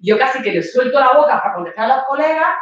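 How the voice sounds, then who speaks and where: A woman's voice: sits high, fast talker. Nervous woman in a very echoey patio. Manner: lively, acts out scenes, addresses the audience with "¿vale?". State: nervous, coughing. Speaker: speaker at an online talk. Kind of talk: storytelling monologue talk. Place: home patio. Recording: very echoey, distant lo-fi mic.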